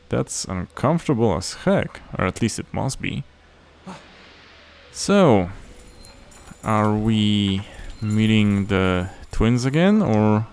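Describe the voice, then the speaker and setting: A man's voice: fairly low pitch, darkish tone. A man playing a video game and commenting casually, with wry, rambling asides. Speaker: let's play host. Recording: commentary over game music.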